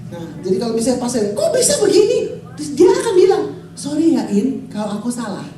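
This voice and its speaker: High-voiced woman preaching in an echoey hall. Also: far from the mic. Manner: lively, calls out to the congregation. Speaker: pastor. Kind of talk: sermon. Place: church hall.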